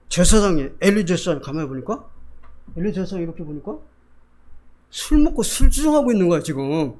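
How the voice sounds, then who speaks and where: A man's voice: on the high side, a little mellow. A man preaching a Sunday sermon as pastor, asking the congregation rhetorical questions. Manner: acts out Bible figures in quoted voices.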